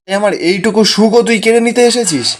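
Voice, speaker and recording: Man doing a shrill, jealous young woman, accusing and spiteful, raised pitch. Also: fast, natural voice. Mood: bitter accusing.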